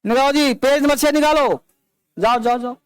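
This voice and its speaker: Male teacher, classroom lesson, very high voice, clean dry sound, instructive and drilling. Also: fairly even intonation, moderate pace, no echo. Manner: instructive, calls on students and drills them. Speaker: English teacher.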